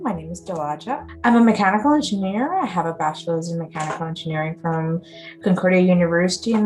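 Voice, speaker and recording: A woman in her thirties, a mechanical engineer, giving a clear, upbeat, explanatory scripted career talk. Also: medium pitch.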